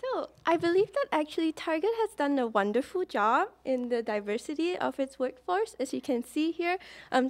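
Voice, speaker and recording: A young woman from Malaysia, a student giving a case competition presentation, upbeat and hesitant with fillers. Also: high-pitched. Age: young adult.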